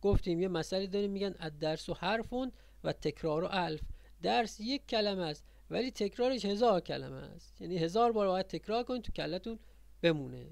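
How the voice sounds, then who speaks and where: A man's voice: high-pitched, animated, vocal fry, dry recording. A man teaching a grammar lesson in a Persian accent, repeating points and quizzing his students as he explains. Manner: repetitive, quizzing the viewers.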